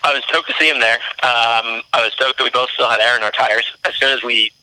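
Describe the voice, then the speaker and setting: A man talking as a cyclist guest in a remote interview over a call connection that keeps cutting out, relaxed and full of fillers. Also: mid-range voice, quick pace, dry recording, low-quality recording. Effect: breaking-up call connection.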